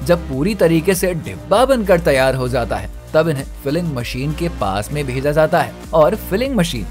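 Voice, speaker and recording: A man giving a scripted voice-over for a factory explainer, in a steady explanatory tone, speaking to viewers directly. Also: on the high side. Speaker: narrator of factory explainer videos. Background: faint background music.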